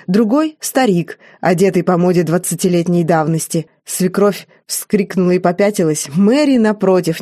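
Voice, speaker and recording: A woman narrating a story in the first person, in a wry, even storytelling manner. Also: medium pitch, no echo, clean studio sound. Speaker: audiobook narrator. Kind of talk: scripted narration.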